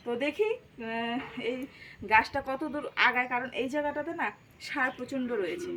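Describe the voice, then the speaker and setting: A woman's voice: a little high, a bit bright, slight background noise. A young woman from Assam chatting to her viewers in a casual home vlog, explaining as she gardens and cooks. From Assam, India. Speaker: vlogger and homemaker.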